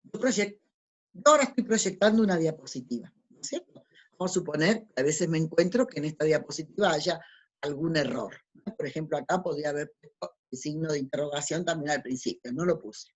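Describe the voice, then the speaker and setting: A woman's voice: low-pitched, fairly quick, husky. A woman gives a lecture with slides as a spiritual teacher. She teaches didactically, asks rhetorical questions and answers them herself, and often adds tag questions.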